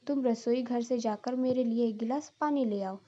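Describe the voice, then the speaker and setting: A woman's voice: on the high side, moderate pace, dull audio, natural voice. A woman voicing a kindly, fatherly older father-in-law in a cartoon story. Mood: gentle. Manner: gentle, fatherly.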